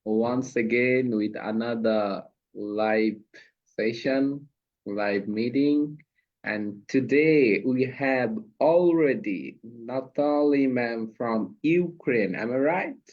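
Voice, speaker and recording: Here a Bangladeshi host leads a relaxed online meeting for speaking practice, his mid-range voice moving slowly through hesitant, filler-laden English. The video call audio comes across muffled and low-fidelity.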